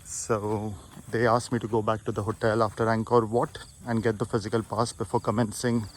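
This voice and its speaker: A man's voice: on the low side, level tone, fairly quick. A man giving casual travel vlog narration as he tours a site. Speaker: travel vlogger. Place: at a large temple site. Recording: clear background noise, outdoor ambience.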